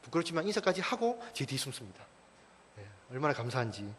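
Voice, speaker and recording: Fast-talking man in an echoing church hall. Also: medium pitch, sing-song, fairly bright tone, slight background noise. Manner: emphatic, addresses audience directly with rhetorical questions. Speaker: church staff speaker. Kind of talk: parenting talk to a church mothers' group. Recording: long church-hall reverb.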